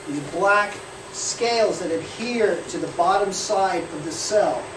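A man's voice: high-pitched, a little slow. Male beekeeping instructor, 40s, practical and explanatory, captured by a distant camera with noise. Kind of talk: hands-on teaching talk. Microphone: far camera. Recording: echoey and noisy from far off.

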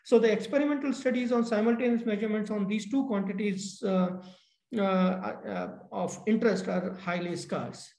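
High-voiced man lecturing, halting. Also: a little mellow. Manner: halting, many fillers and restarts. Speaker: keynote lecturer. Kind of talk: technical academic lecture. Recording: echoey room.

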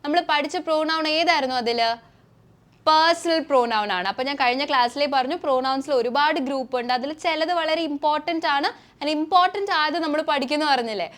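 Female English teacher, Malayali accent, high voice, quizzes the class and answers for them. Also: a little fast, fairly bright tone. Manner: asks the class questions and answers them herself. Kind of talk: spoken English lesson.

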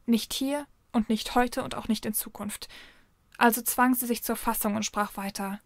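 A woman reading a fan fiction story aloud in an even, measured narration. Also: fairly high pitch, no echo.

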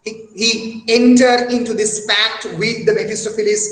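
Man, high voice, literature lecture, many "uh" fillers, roomy echo. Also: little pitch movement, extremely slow. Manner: recites quotations with feeling. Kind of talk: online lecture mixing Bengali and English.

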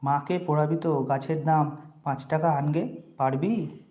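A reader voicing a harsh, contemptuous middle-aged estate agent of a landlord, who barks insults and scolds loudly. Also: mid-range voice, steady tone, unhurried, close to an everyday voice. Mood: scornful, scolding.

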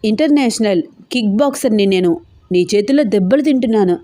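Storybook role: teasing young fiancé, put on by a woman reader, warm low-key tone. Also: animated, a little fast, no room sound, clean studio sound, lightly acted. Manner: playful, teasing.

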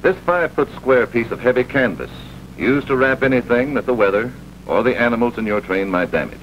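An American man narrates a vintage military training film, speaking at a medium pitch with lively intonation and a slightly quick pace. His delivery is scripted, authoritative and instructional. The soundtrack is dull and old, with audible hum and hiss.

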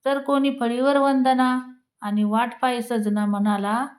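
A woman's voice: fairly high pitch, little pitch movement, measured pace. A woman reading a string of husband-and-wife jokes to her audience. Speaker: joke teller.

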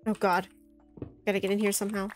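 A woman's voice: mid-range voice, level tone, fast talker. A young woman chatting casually through a game, easily startled, often yelping and screaming in alarm. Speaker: gaming YouTuber. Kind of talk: casual let's play commentary. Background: soft background music.

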